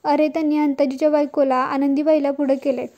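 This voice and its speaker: A woman's voice: sits high, little pitch movement, fast, dark tone, lo-fi sound, natural voice. A woman voicing a gossipy village man at a tea stall who claims inside knowledge. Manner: knowing, gossipy.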